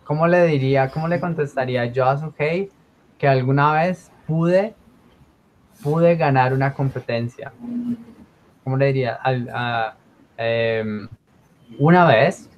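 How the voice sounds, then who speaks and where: A man teaching English informally online, explaining grammar and often checking in with a quick okay. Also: mid-range voice, rough recording. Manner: frequent check words like okay; switches between English and Spanish. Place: online class with screen share.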